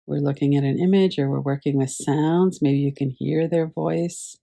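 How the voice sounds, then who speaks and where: A woman teaching a class over a video call, gently guiding listeners through a visualization with unhurried pauses. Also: low voice, steady tone, gravelly. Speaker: meditation teacher.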